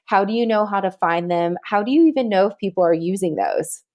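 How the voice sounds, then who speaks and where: A woman's voice: mid-range voice, brisk, mellow, dull audio. A woman guest on a podcast interview, talking energetically and chattily, often breaking into laughter. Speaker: guest, marketing agency CEO.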